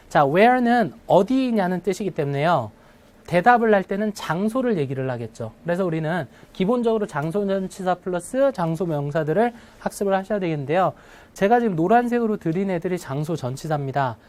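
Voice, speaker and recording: With a high voice, a man lectures a live class preparing for an English test. He regularly checks in with questions and slows down to model phrases for his students.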